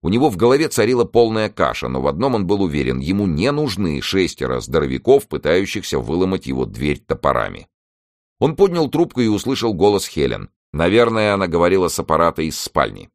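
Deep-voiced male audiobook narrator. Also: very animated, brisk, dry recording, clean studio sound. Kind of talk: scripted narration.

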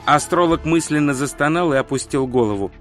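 A man narrating an audiobook in a measured, wry storytelling manner. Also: on the high side, lively intonation, fairly bright tone, soft background music. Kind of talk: scripted narration.

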